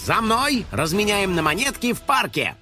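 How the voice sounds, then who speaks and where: Мужчина изображает хвастливого домового-сыщика. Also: male voice, high-pitched, sing-song, normal speed, pushed and bright, faint music behind, pitched above the performer's own voice, full character voice. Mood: excited. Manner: pompous, theatrical exclamations. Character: boastful excitable house-spirit detective, male.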